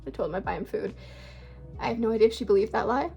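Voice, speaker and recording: A woman's voice: medium pitch, fast talker, creaky, mellow, soft background music. A young woman, rambling casually through a storytime chat at home, with lots of filler words and swearing. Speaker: book vlogger.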